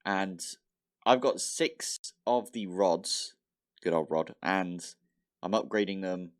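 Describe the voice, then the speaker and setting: With a low voice and a slow pace, a man commentates casually on his modded block-building game as a Minecraft let's play host. He thinks aloud, mildly exasperated, his nose slightly blocked.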